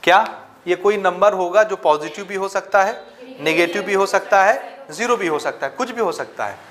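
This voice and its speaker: A man teaching a maths lesson with a Chhattisgarh Hindi accent, often asking if students follow and dictating English terms slowly. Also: sits high, expressive, fairly bright tone. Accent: Hindi-speaking Chhattisgarh. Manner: checks understanding with frequent rhetorical questions. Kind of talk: classroom lecture.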